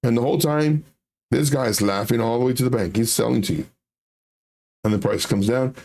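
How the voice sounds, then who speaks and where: A man's voice: medium pitch, moderate pace, vocal fry, darkish tone. A man hosting a livestream with casual chart commentary, blunt and emphatic, repeating phrases for effect. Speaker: livestream host, crypto trading commentator.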